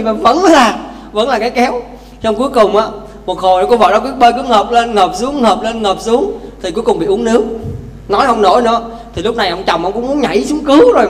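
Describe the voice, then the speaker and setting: Buddhist monk, high voice, echoey temple hall, faint hum. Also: male voice. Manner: lively, addresses audience directly. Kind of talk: dharma talk with storytelling.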